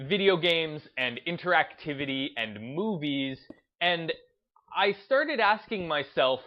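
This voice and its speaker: Over gameplay, a man with a rather high voice offers unscripted commentary as a gaming video host, moving at an unhurried pace. He sounds reflective and halting, often going back to reword a point. The audio is a little dull, with music in the background.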